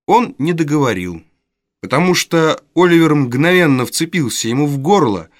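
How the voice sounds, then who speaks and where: A man reading a classic novel as an audiobook, with expressive, dramatic storytelling on a close studio mic. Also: fairly high pitch, normal speed, dry recording. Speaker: narrator. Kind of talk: scripted audiobook narration.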